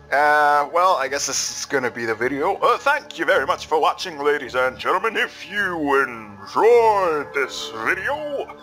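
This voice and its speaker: Bright-voiced young man, profane game commentary. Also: a little high, lively intonation, normal speed, soft background music. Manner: profane, rambling, self-deprecating. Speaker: gaming video host.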